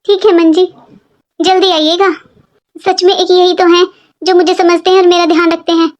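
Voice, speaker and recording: A performer voicing a sad, pregnant young daughter-in-law who pleads and complains softly in a cartoon story. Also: extremely high pitch, level tone, normal speed, lo-fi sound. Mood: plaintive. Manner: plaintive, pleading. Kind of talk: animated cartoon voice acting.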